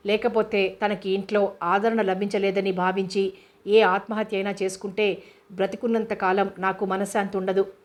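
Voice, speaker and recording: A woman's voice: mid-range voice, little pitch movement, normal speed, close to an everyday voice. A woman voicing a remorseful young man who apologizes and pleads with his elder sister, read in an audiobook. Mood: pleading. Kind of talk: audiobook character reading.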